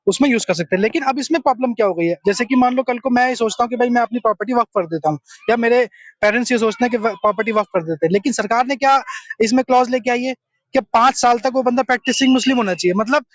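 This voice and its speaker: A man's voice: very high voice, rapid-fire, no echo. A young man giving an earnest, step-by-step explanation in a street interview, mixing in English terms. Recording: dull lo-fi sound.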